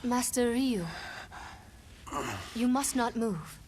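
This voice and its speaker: Gentle, highish-voiced ninja villager. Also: female voice, slow pace, heavy background noise. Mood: gentle, caring. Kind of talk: English video game voice acting.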